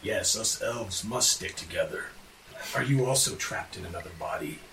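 Guy doing a cursed beast prince for a tabletop game, low halting brooding, mic kinda far off. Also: pushed and bright. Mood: strained, brooding. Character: huge cursed elf prince trapped in a monstrous beast's body. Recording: roomy, distant mic with faint noise.

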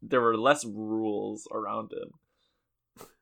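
A man co-hosting a casual podcast, laid-back and quick to laugh. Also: fairly low pitch, steady tone, creaky, a bit bright. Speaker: podcast co-host.

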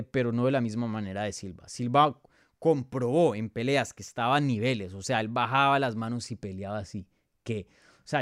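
Answering viewer questions on a casual live sports preview, an MMA analyst and podcast host with a Bogotá Colombian accent talks through his analysis conversationally. His medium-pitched voice sounds clear and resonant, with dry, studio-quality audio.

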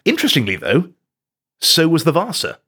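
A man's voice: fairly high pitch, brisk, slightly rough. A young man chatting enthusiastically as a podcast co-host and tour guide. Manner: enthusiastic, animated storyteller. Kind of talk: casual group chat.

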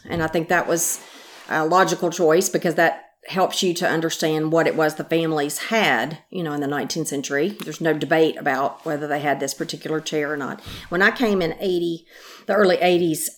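An older woman with a slightly low voice reminisces in a careful, measured way. She talks like a longtime guide in an interview, recorded in an attic. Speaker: longtime historic house guide being interviewed. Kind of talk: conversational reminiscence. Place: in an attic room of an old house.

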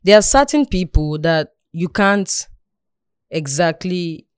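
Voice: mid-range voice, animated, takes it slowly, smooth, no room sound, studio quality. A podcast co-host who works as a stylist, chatting casually and animatedly, laughing often and acting out quotes. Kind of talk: casual chat.

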